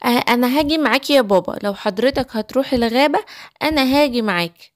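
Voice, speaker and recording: An eager young girl, played by a woman, chatters in a lively, fairly high Egyptian Arabic voice. She is the heroine of a children's storybook cartoon. The sound is dry and close. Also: fast talker, no echo, lightly acted.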